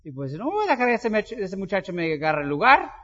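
High-voiced pastor preaching in a hall. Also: male voice, a little fast. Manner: animated, anecdotal storytelling. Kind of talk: sermon. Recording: dull lo-fi sound with long hall reverb.

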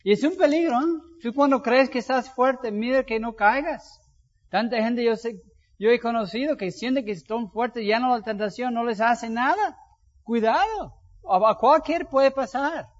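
High-voiced pastor preaching in a hall. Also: male voice, moderate pace. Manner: animated, anecdotal storytelling. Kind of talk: sermon. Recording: dull lo-fi sound with long hall reverb.

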